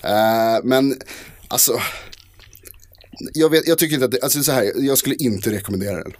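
A man's voice: mid-range voice, darkish tone. A man in casual podcast chat, talking hesitantly with many fillers and restarts. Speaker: podcast co-host.

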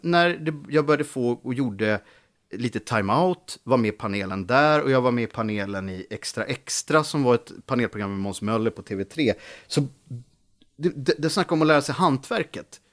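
A man, a comedian, telling stories in a casual podcast chat, animated and full of restarts. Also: mid-range voice. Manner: animated storytelling with frequent restarts. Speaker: comedian guest.

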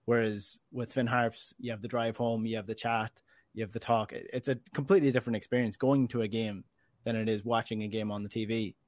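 A man's voice: lowish voice, fairly even intonation, fairly quick, darkish tone, no room sound. A man with an Irish accent hosting a casual sports discussion, earnest and emphatic, often rephrasing himself. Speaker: football podcast host.

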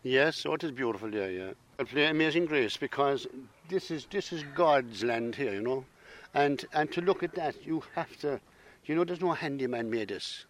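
Older Irish man, medium pitch. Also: animated, normal speed. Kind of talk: casual anecdote and chat. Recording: faint outdoor background noise.

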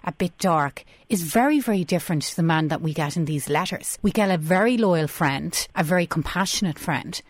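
A woman with a lowish voice hosts a radio interview, speaking emphatically and repeating words for stress. Her sound is close and dry, with no room around it. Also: no echo.

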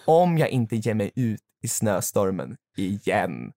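A man's voice: on the low side, very animated, creaky, mellow, no echo, clean studio sound. A young man and podcast co-host, telling a rambling story in casual chat, swearing and using many fillers.

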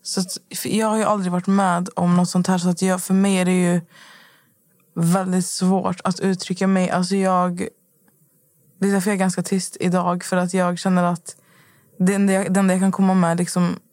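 Hesitant, flat-voiced woman co-host. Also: fairly low pitch, no room sound. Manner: hesitant, searching for words. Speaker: podcast co-host. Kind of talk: casual conversation.

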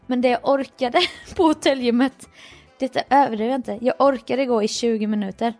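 A woman with a high voice chats casually and acts out every line of dialogue in her story, laughing often. She says she is worn out. Faint music plays under her voice. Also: steady tone, a little mellow. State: tired. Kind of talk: casual chat.

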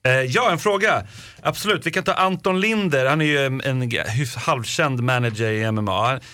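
A man's voice: medium pitch, bright, forceful tone, no echo. A man co-hosting a podcast, chatting bluntly and reading out a listener question. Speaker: podcast co-host. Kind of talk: casual chat.

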